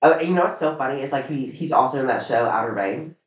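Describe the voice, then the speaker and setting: This podcast co-host speaks quickly with a mid-range voice and lively intonation, gushing in loose conversation, cursing often, and drawing words out. His audio sounds dull, distant, and roomy.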